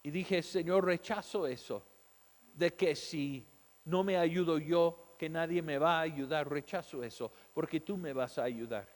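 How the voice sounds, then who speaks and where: A man with a high voice preaches at an unhurried pace, sharing a personal testimony. He throws out rhetorical questions and briefly mimics the doubting voices of his listeners. His words ring out with a long reverb, as in a large hall. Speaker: pastor. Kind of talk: sermon.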